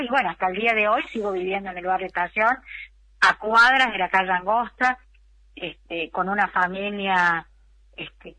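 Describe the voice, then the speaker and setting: Argentine woman official, bright clear voice, lots of ums, middle-aged. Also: mid-range voice, poor audio. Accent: Argentine Spanish. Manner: hesitant, many fillers. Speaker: municipal culture official. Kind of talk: radio interview guest.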